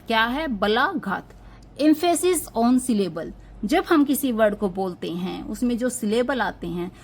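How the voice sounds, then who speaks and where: Woman teacher quizzing herself aloud. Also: a little high. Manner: asks and answers her own questions; slows to spell out English terms. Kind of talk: exam-prep lecture.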